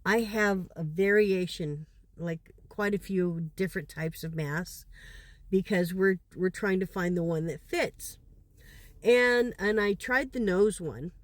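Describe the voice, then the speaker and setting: Giggly older woman telling a story slowly. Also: on the low side, dry recording. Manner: giggly, laughs through her story. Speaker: grandmother vlogger. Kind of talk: casual storytelling.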